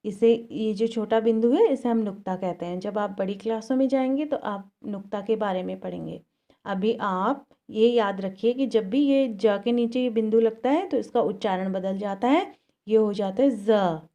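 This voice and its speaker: A woman's voice: medium pitch, dark tone, muffled recording. A woman teacher giving a recorded Hindi lesson to young children. She asks questions and answers them herself, and she draws out each example word. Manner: drawn-out, exaggerated pronunciation of example words. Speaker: school teacher.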